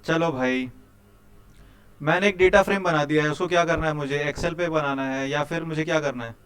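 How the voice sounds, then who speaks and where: A young man teaches a live coding class. His voice is smooth and resonant and sits a little high. He chats with his students, teases them and keeps quizzing them. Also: moderate pace, fairly bright tone. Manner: chatty, quizzes students, keeps saying "bhai".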